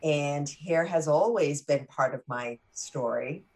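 Forties woman, low register, interview guest who restarts words as she tells her story. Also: takes it slowly, darkish tone. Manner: candid, restarts and repeats words mid-thought. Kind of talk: personal storytelling in conversation.

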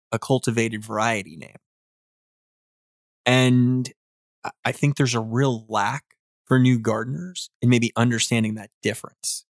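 A man's voice: mid-range voice, no echo, clean studio sound. A man from the United States hosting an interview, posing long, thoughtful questions. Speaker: podcast host. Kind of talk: conversational interview.

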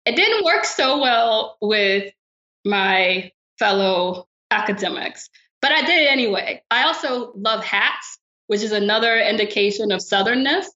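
A woman philosopher from the American South, answering interview questions in a relaxed, thoughtful way. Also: a little high, unhurried. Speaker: philosopher guest. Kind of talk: podcast interview. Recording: roomy, dull lo-fi sound.

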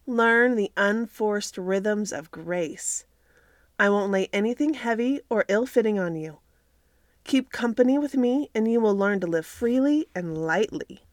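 A woman's voice: medium pitch, lively intonation, measured pace, no room sound, studio quality. A woman hosting a faith podcast, talking in an earnest, chatty way while recording inside a home clothes closet on a computer microphone. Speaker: podcast host. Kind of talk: casual faith podcast talk.

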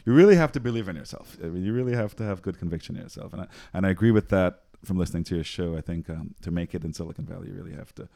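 Racing along with few pauses, a man in his forties speaks in a low, warm voice touched with vocal fry. Originally from Trinidad, he's a physician and researcher being interviewed casually, laughing a lot and stumbling through ums and restarts.

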